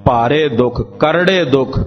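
A man's voice: mid-range voice, measured pace, faint music behind. A man preaching a Sikh sermon, explaining each sung verse by repeating its meaning in several phrasings. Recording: lo-fi dull recording.

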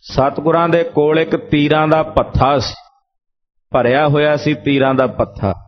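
A man's voice: fairly high pitch, fairly even intonation, a little slow. Man preaching a Sikh katha sermon. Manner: explains each verse by repeating it in several phrasings. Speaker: Sikh preacher explaining scripture. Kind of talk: katha sermon expounding sung verses. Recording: lo-fi dull recording.

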